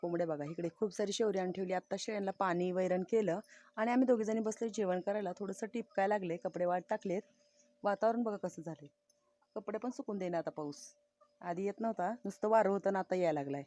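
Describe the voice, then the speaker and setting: A woman's voice: mid-range voice, fast, warm tone, no room sound. A woman vlogging casually outdoors on a farm, chatting homely and directly to her viewers. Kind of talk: casual farm vlog narration.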